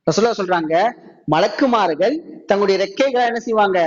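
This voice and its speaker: Tamil preacher guy, high voice, keeps asking the crowd questions, kinda dull lo-fi sound. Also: a little mellow. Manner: rhetorical questions, slows down for Arabic quotes. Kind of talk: mosque sermon.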